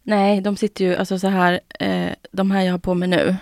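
Gravelly-voiced woman telling lively anecdotes. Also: on the low side, dry recording, clean studio sound. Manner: animated storytelling, acting out both sides of dialogues. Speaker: podcast host sharing her weight-loss journey. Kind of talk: casual chat.

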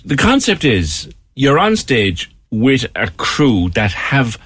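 A man's voice: medium pitch, huge pitch swings, slow, fairly bright tone, slightly rough, no echo. A man with a Cork Irish accent hosting a casual radio interview with teasing banter. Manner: teasing, mock-incredulous. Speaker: radio talk show host. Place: dry radio studio.

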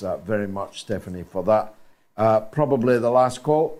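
An older man from Britain hosting a call-in show, speaking deliberately and emphatically with many pauses. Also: mid-range voice, a little mellow. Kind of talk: radio phone-in talk.

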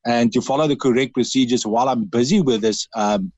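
A radio caller from South Africa, with a South African accent, speaks a little fast in a mid-range, slightly mellow voice, earnestly but with frequent stops and restarts. The sound is lo-fi, with no room sound.

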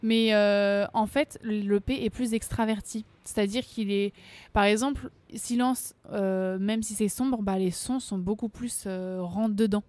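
A woman's voice: mid-range voice, fairly even intonation, measured pace, a little mellow, no echo. A young woman singer talking casually in an interview, chatty, laughing often, full of fillers and restarts. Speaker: singer guest.

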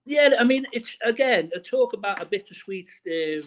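A man's voice: high voice, lively intonation, normal speed, fairly bright tone, slight background noise. A middle-aged man, a former footballer chatting in an interview, restarting his sentences often and filling with "you know". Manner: chatty, many restarts and fillers. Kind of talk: casual interview, reminiscing.

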